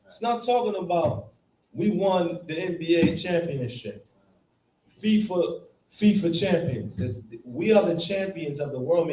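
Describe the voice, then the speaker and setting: A man's voice: on the high side, a little mellow, a little hiss or hum. A man teaching a Bible class, emphatic and throwing rhetorical questions at his students. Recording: echoey room from far off, faint ambience.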